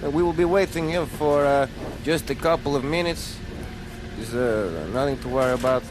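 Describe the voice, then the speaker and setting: An actor playing a pilot who calmly reassures his passengers, talking over a radio with halting fillers between words. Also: mid-range voice, noisy background.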